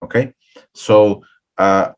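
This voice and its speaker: The audio is lo-fi, capturing a middle-aged Islamic scholar's lowish, clean-toned voice, steady and slow, through a computer mic during a webinar. With a Bengali background and seminary training, he earnestly advises seminary graduates, often restarting or repeating himself and asking "right?".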